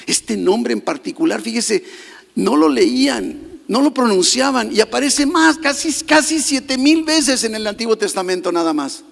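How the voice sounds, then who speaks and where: A man preaches from the pulpit, his high voice carrying a gravelly edge. He stresses his points and keeps checking in with the congregation. The sound rings with the long reverb of a church hall. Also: animated, measured pace. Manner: emphatic, questioning the congregation. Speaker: pastor. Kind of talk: sermon.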